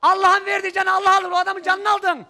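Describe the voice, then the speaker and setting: A man on a daytime talk show, repeatedly pressing a relative and shouting in a heated studio confrontation. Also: very high-pitched, completely flat delivery, fast talker. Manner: insistent, repeating himself, shouting at times. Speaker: talk show guest, uncle. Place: television studio.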